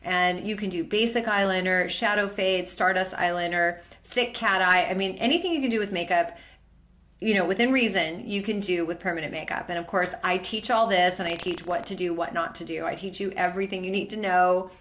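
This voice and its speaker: A woman's voice: fairly low pitch, a little fast, a bit bright. A middle-aged woman teaching a permanent makeup training lesson, presenting her work over slides in an enthusiastic, chatty way with frequent fillers.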